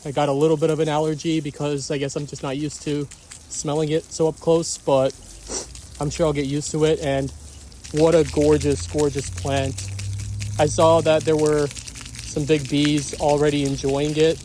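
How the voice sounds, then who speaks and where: A man's voice: on the high side, flat delivery, normal speed, warm tone, slight background noise. Enthusiastic man vlogging in his garden. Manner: enthusiastic, repeats praise words. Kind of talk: casual garden vlog. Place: outdoors in a garden.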